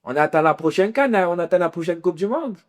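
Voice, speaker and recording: Casting note: man from Congo, fairly high voice, passionate casual football talk. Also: animated, fast talker.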